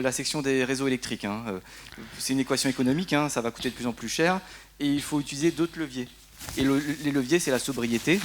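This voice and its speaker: A man presents on a conference round table at a brisk clip. He explains in an even, practical way and keeps tagging his points with "hein". There is faint noise and some clicks behind him. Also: mid-range voice. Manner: explanatory, frequent tag "hein", some fillers. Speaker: deputy director of an energy syndicate, panelist. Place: conference hall.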